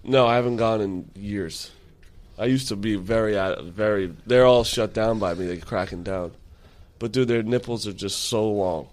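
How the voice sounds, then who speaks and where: A man's voice: lowish voice, a little mellow. A man talking in casual, rambling banter as a co-host, drawing out his stories. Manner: rambling, drawn-out storytelling.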